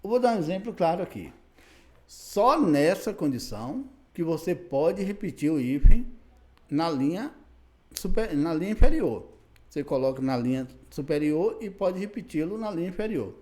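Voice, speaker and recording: Lively male teacher. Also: a little high, normal speed. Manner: explanatory, repeats "né" and "tá bom" to check understanding; spells out letters one by one. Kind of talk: recorded grammar lesson.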